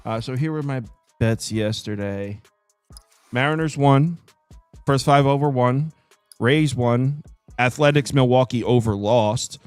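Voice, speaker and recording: A man in his thirties hosting a sports betting show, chatting casually in an animated, jokey, self-deprecating way. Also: mid-range voice, measured pace, clear, resonant tone, no room sound, soft background music. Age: 30s. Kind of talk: casual chat.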